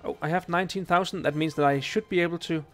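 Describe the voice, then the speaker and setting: A young Danish man, not a native speaker, streaming a video game and chatting casually with viewers, with many ums and restarts. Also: fairly high pitch. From Denmark. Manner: relaxed, halting, lots of ums and restarts. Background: faint game music.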